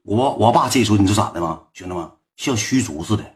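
Young man, Northeast Chinese accent, low-voiced livestream storyteller, brisk, slangy, animated. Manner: slangy, swearing, animated retelling with repeated asides.

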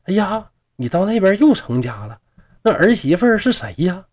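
A man's voice: high-pitched, very animated, normal speed, a little mellow, dull audio, pitched above the performer's own voice. A man voicing a grieving old mother in a told folk tale, in a raised, startled voice.

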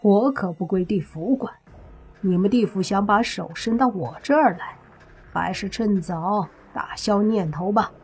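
A woman voicing an arrogant young male vampire zombie with a slow, drawling, smug delivery. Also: mid-range voice, a little mellow, slightly rough.

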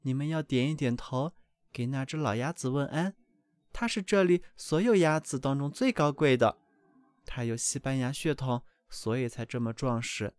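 A man voicing a doting, fussy mother duck in a storybook reading, with a high, excited, scolding voice. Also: normal speed, no room sound, close to an everyday voice. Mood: proud.

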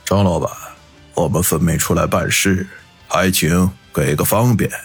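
A man's voice: deep voice, measured pace, vocal fry, husky, faint music behind, exaggerated voice. A man voicing a fearful, deferential short assassin who speaks politely and submissively.

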